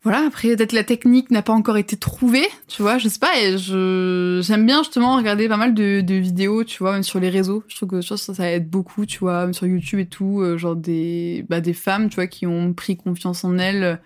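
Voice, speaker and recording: A woman's voice: medium pitch, fairly even intonation, fairly quick, few pauses. A woman in her twenties, a podcast guest, talking casually with many fillers and frequent laughs. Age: 20s. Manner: chatty, lots of fillers, laughs often. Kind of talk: casual chat.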